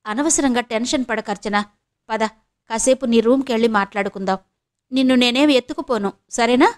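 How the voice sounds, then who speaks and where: A woman's voice: fairly high pitch, moderate pace, lightly acted. A woman voicing a blunt, scolding friend. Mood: coaxing. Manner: firm, cutting, lecturing.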